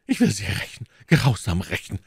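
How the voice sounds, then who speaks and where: Man doing a seductive noblewoman, high falsetto-like voice, honeyed, breathless, storybook reading. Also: animated, normal speed, a little mellow, no room sound, studio quality. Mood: menacing tenderness.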